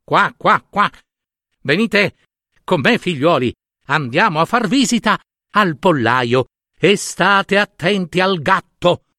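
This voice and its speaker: A man putting on a caring mother duck from a storybook, soft and coaxing, in a slightly raised, lively voice. She takes her time, and the sound is close and dry. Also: sits high, slow, no room sound, voice pushed up, exaggerated voice. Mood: tender. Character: gentle protective mother duck, female.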